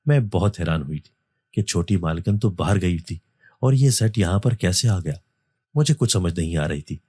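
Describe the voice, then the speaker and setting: A man reading a first-person horror story as a storyteller, in a steady, even manner. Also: sits low, slightly rough, no room sound, clean studio sound. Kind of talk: scripted narration of a horror story.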